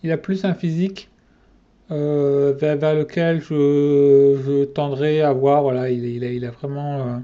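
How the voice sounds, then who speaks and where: A man's voice: fairly high pitch, steady tone, a little slow, mellow, muffled recording. A man ranking his favourite fitness channels in a casual vlog, hesitant and full of fillers and restarts.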